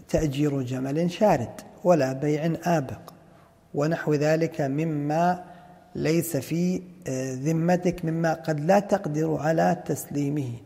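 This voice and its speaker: Gravelly-voiced man lecturing in a hall. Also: fairly high pitch, mellow. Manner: explanatory, asks and answers his own questions. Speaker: Islamic jurisprudence teacher. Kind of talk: explaining a fiqh text in a lecture.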